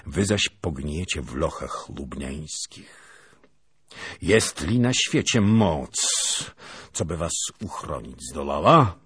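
A man voicing a calm, proud young nobleman who speaks formally and firmly. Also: extremely low pitch, takes it slowly, husky, no echo, studio quality, heavily acted. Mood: threatening. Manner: firm, formal, commanding.

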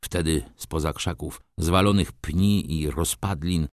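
A man narrating a classic novel as an audiobook in a measured, expressive way. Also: rumbling low, no room sound, clean studio sound.

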